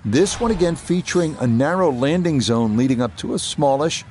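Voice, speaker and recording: A man giving golf commentary as the lead announcer, calling each shot in a measured, understated way. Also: fairly high pitch, animated, a little mellow, a little hiss or hum. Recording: music and crowd behind the voice. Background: music and crowd sound.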